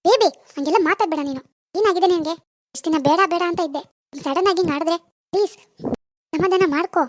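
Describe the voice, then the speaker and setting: A woman's voice: very high voice, quick pace, no echo, studio quality. A woman voicing a worried middle-aged mother in a cartoon, soothing and pleading with her daughter. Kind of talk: cartoon voice acting.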